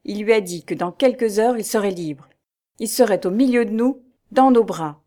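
A woman's voice: medium pitch, normal speed, lightly acted. A kindly fatherly priest, read by a woman. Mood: reassuring. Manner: earnest, gentle and reassuring. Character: kindly paternal old male priest.

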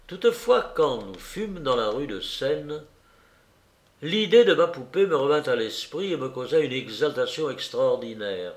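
A man narrating a literary story aloud in a measured, expressive reading. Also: medium pitch, echoey room. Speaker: audiobook narrator.

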